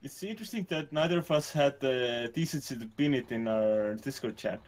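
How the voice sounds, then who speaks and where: A man's voice: medium pitch, normal speed, a little mellow. A man chatting casually as a player in a tabletop role-playing game.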